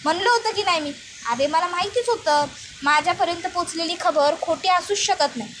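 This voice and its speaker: A woman's voice: extremely high pitch, brisk, fairly bright tone, slight background noise. A woman voicing a nosy village mason who gossips and boasts about winning a bet.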